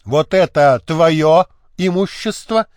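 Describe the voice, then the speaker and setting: A man's voice: on the high side, slow, a little mellow, no room sound, clean studio sound. A man playing a rude, mocking police officer in an audiobook.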